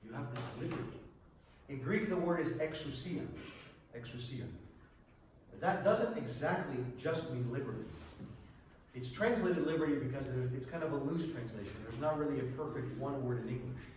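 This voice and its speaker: A man, a priest, preaching a sermon in an emphatic, animated way, asking rhetorical questions of his congregation. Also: medium pitch, moderate pace, a little hiss or hum. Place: church sanctuary. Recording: echoey church from a distance.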